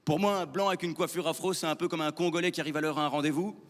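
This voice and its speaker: Young Belgian stand-up, Belgian French accent, provocative deadpan delivery; live theatre with long reverb. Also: male voice, fairly high pitch, racing. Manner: deadpan, provocative, chatty with the audience. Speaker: stand-up comedian. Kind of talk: stand-up comedy set. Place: theatre stage before a live audience. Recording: live theatre hall with crowd.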